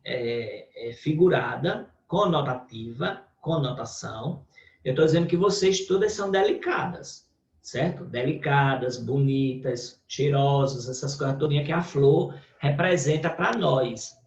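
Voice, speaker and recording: Slow, patient male teacher, roomy lo-fi. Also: a little high, darkish tone. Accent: Brazilian Portuguese. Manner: explains step by step, checks in with "certo?". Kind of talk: online class lecture. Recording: roomy, distant, dull lo-fi audio.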